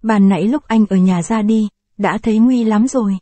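A woman reads a short story aloud in a calm, measured storytelling manner. Her voice is mellow and dark in tone, recorded close and dry with no room sound. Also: mid-range voice, no room sound. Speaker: audiobook narrator. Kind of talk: scripted short story reading.

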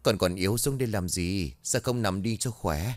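A man's voice: lowish voice, moderate pace, dry recording, natural voice. A man voicing a frantic middle-aged mother, terrified for her son, in a spoken ghost story. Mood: worried. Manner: rising pleading cries.

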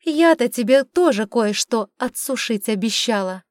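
A woman voicing a sharp-tongued, sarcastic witch in an audiobook, scolding and mocking. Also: fairly high pitch, lively intonation, a little slow, no echo, studio quality. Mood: earnest, reproachful. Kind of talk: audiobook character reading.

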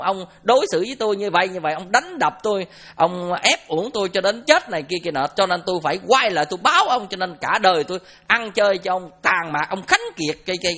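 Teacher doing a resentful dead son, southern vietnamese accent, fast bitter accusations. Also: mid-range voice, animated, sharp tone. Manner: bitter, rapid accusing rant. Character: resentful dead son confronting his rich father.

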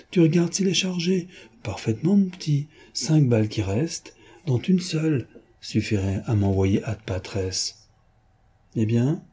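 A man voicing a mocking, boyish gentleman thief who talks to a young man in a teasing, patronizing way. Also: medium pitch, husky.

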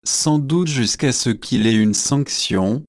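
A provocative young student makes his case in a storybook, read out by a man. The delivery is very slow and measured. The voice sits at an ordinary pitch. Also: dry recording, clean studio sound, lightly acted. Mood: arguing.

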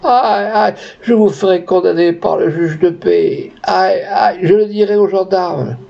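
A man's voice: high-pitched, measured pace, creaky, mellow, pitched above the performer's own voice. A man voicing a poor old woman who gathers wood, pleading and wailing, in a dull lo-fi recording.

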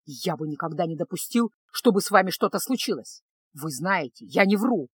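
Woman reading a sulky young traitor mage, low voice, storybook. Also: lively intonation, normal speed, breathy edge, no echo. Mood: defiant. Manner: resigned, then defiant. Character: young dark-haired male sorcerer, defeated, sullen.

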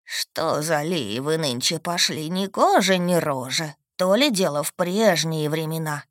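A woman voicing a short, stocky old male gnome gatekeeper with a creaky voice and a mocking, gruff drawl in an audiobook. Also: low-pitched, measured pace, no echo, studio quality. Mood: scornful. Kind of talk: audiobook character voice.

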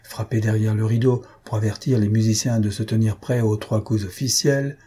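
A man reading a comic story aloud, voicing the crowd's shouts with raised pitch. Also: steady tone, normal speed, slightly rough. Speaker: audiobook reader. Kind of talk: storybook narration.

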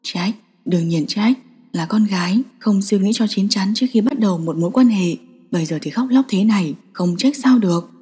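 A woman doing a gentle, worried mother. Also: mid-range voice, normal speed, slightly rough. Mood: soothing. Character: middle-aged mother, worried but soothing.

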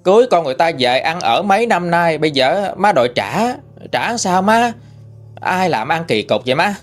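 A man's voice: medium pitch, animated, brisk, faint music behind, lightly acted. A man doing a young country son protesting, Southern Vietnamese accent. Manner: pleading, protesting to his mother. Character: dutiful young farmer son, quietly stubborn.

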